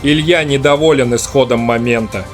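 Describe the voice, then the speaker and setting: A man's voice: medium pitch, normal speed. A man hosting and narrating a scripted hockey match recap for a video channel. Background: music.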